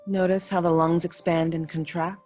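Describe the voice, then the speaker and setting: Faint music accompanies a woman whose low, darkish voice leads a yoga nidra meditation. Her delivery is flat, and she speaks soothing instructions in short, slow phrases with pauses between them.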